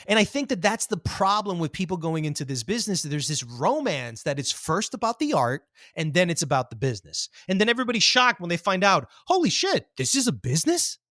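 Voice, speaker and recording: A man's voice: high voice, very animated, quick pace, few pauses, sharp tone, dry recording, clean studio sound. A man co-hosting a podcast, arguing his point emphatically in a heated, casual debate. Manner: argumentative, emphatic, swears. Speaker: podcast co-host.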